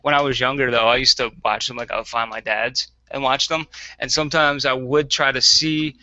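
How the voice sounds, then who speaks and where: A man's voice: mid-range voice, steady tone, fairly quick, bright, forceful tone, dry recording. A man co-hosting a podcast in casual chat, rambling and often laughing. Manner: rambling, laughs often, acts out quoted voices. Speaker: podcast co-host. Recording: dull lo-fi podcast audio.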